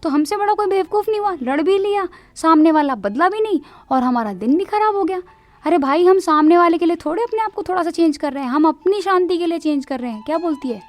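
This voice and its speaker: A woman voicing a cheerful married friend who gives coaxing, lively advice in a spoken story. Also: very high-pitched, fast talker, pitched above the performer's own voice. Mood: persuasive.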